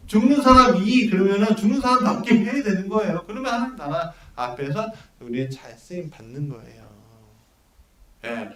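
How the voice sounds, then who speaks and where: Lively high-voiced male pastor preaching. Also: normal speed. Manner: animated, asks the congregation rhetorical questions. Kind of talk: sermon. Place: church hall at a prayer meeting. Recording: echoey church hall, mic at a distance, congregation audible.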